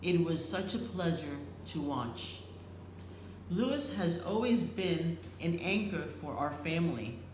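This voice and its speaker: A middle-aged or older woman reads a prepared eulogy in a tender, solemn, slightly faltering way with deliberate phrasing. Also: fairly low pitch, lively intonation, darkish tone. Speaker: eulogist, family member. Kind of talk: prepared eulogy read aloud. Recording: echoey room, faint background noise.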